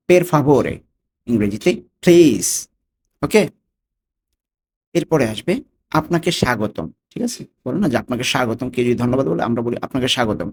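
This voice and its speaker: A man with a Bangladeshi Bengali accent teaches a language lesson phrase by phrase, repeating each phrase slowly and often asking whether the listener has it. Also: mid-range voice, a little mellow, slightly rough.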